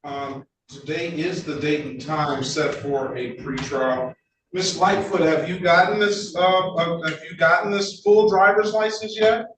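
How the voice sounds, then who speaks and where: A man presiding as judge over traffic court, talking haltingly with repeated words and folksy asides, heard on a courtroom recording. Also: a little high, a bit bright. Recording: echoey room, distant mic, noisy.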